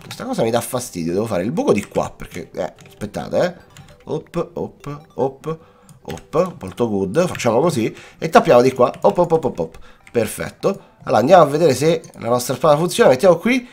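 A man's voice: mid-range voice, very animated, fast, darkish tone, breathy edge. A young Italian man giving chatty, playful gameplay commentary, talking to his viewers and mixing in English words, with a cough-worn voice. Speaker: gaming YouTuber. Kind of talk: casual Let's Play commentary. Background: faint background music.

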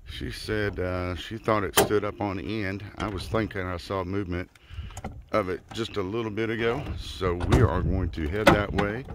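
A man in his forties, host of a fishing channel, speaks in a low, steady voice at normal speed while filming a casual vlog on a handheld phone camera from a small boat on a river. He's upbeat and chatty with plenty of fillers, and outdoor noise from the water and boat is audible.

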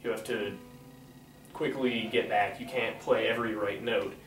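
A man's voice: fairly low pitch, steady tone, normal speed, a bit bright. A nineteen-year-old man, a music student, talking casually in an interview, recorded by a camera across a small room. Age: young adult. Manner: casual, matter-of-fact. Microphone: camera mic at a distance. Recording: echoey room, distant mic.

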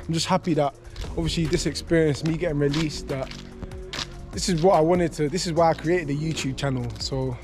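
Laid-back young man vlogging. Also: on the high side. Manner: laid-back slang-heavy chat. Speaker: vlogger, professional footballer. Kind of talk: casual vlog talk to camera.

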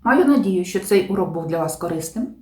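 A woman gives a grammar lesson with a lively, rising-and-falling pitch. Her tone is mellow and soft-edged. She explains each rule deliberately and stresses every example word. The recording has a roomy echo. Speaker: language teacher.

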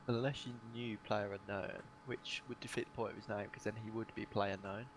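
A man with a gravelly, creaky voice chats with his teammate during an online shooter game. His talk is laid-back and easygoing, and it comes through a voice chat line with clear noise behind it. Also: on the low side, steady tone, brisk. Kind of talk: casual gaming chat.

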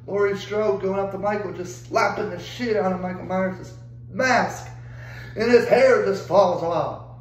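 Exasperated young guy ranting, cursing nonstop, high voice, faint hum behind. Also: unhurried, echoey room, rough recording. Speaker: vlogger. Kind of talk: angry rant to camera.

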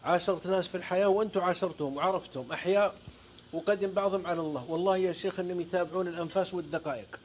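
A man's voice: high-pitched, fairly even intonation, very fast, slight background noise. A man with a Saudi accent, a guest preacher on a talk show, telling stories with fervent oaths and scripture quotes. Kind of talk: religious talk-show storytelling.

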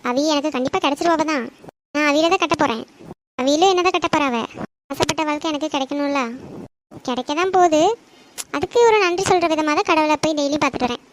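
A woman's voice: sits high, quick pace, slight background noise, close to an everyday voice. A woman voicing an earnest young village woman in love, chatty, with a southern Tamil accent. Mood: dreamy.

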